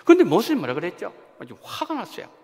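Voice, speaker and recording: A man preaching a Sunday sermon as senior pastor, with an animated delivery that acts out quoted voices and asks the congregation questions, in a church sanctuary. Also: sits high, fast. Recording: long reverb of a church sanctuary.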